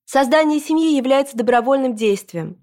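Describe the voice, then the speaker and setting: A woman voicing a pompous middle-aged female registrar in a storybook reading, speaking in a solemn, ceremonial, drawn-out way. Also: sits high, lively intonation, a little mellow, voice pushed up.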